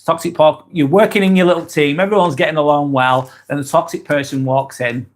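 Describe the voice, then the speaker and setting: A Lancashire-accented vlogger from East Lancashire reads viewer comments during a casual livestream, chatting in a rambling manner with many ums and restarts. His voice is a little high, holds a steady tone, and moves fairly quickly.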